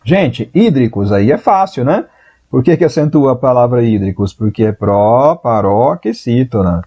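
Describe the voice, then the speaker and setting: Brazilian male teacher, live online exam-prep class, lively and chatty, mellow voice, slightly dull audio. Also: mid-range voice, measured pace, slightly rough. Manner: lively, chatty, answers chat messages by name; voices students' doubts in a raised voice.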